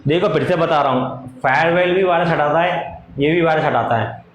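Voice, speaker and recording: A man teaching a class, dictating notes slowly, repeating phrases and answering his own questions in a lower voice. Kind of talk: classroom lecture. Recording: echoey room with faint noise.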